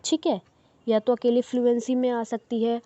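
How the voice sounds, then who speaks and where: A woman teaching, who reads English points slowly and then explains them in a mix of Hindi and English, checking in with her listeners often. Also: fairly high pitch, level tone, dark tone, highs cut off. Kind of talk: explanatory lecture.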